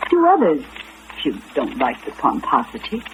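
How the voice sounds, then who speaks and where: An actress in an old radio drama playing a composed, frank woman counseling a friend in a measured, firm way, on a muffled, noisy recording. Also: low voice, wildly swooping pitch. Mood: probing, earnest.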